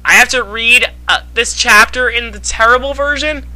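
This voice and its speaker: A woman's voice: on the high side, moderate pace, bright, forceful tone, rough recording. A young woman reading bad fanfiction aloud in a mocking, dramatic way, giggling, exasperated, and dropping into silly character voices. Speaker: fanfiction reader.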